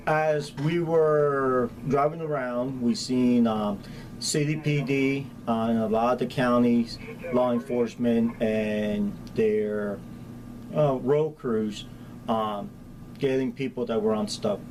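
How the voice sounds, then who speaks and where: In a low-quality recording with constant, clear ambient noise behind him, a middle-aged Spanish-accented man speaks slowly at medium pitch. He's the county's hazardous materials chief, offering down-to-earth, practical answers in a casual interview.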